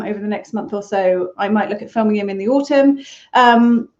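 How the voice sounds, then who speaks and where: A woman's voice: medium pitch, a little mellow. Chatty woman, lo-fi stream. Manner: chatty, rambling, self-deprecating. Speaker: crochet YouTuber hosting a live Q&A. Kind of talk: casual live stream chat. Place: at home, on a sofa.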